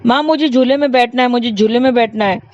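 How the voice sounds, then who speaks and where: A stubborn little boy in a storytelling voice, as a woman puts him on, pitched up and pleading, repeating his demands again and again. The recording sounds dull and lo-fi. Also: fast, a little mellow, dry recording, natural voice. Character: small boy, stubborn and whining for his mother.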